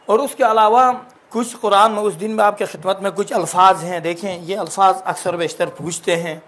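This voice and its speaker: A man's voice: high voice, steady tone, a bit bright. A man teaching Quran recitation in a religious lesson, explaining patiently and drawing out syllables to demonstrate. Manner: drawn-out demonstration of syllables and words; explaining, repeating examples patiently.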